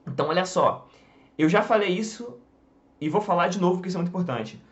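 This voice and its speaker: Brazilian male teacher, casual lesson, very animated pitch, slightly higher voice, muffled lo-fi audio. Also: fast. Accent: Brazilian Portuguese. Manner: talks while drawing on a board, many fillers like "tá?" and "ó". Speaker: English teacher.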